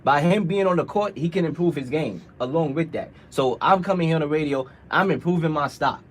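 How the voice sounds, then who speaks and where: A man hosting a radio show leads a casual sports debate, pressing his points emphatically with repeated rhetorical questions. His voice is on the high side and he talks a little fast.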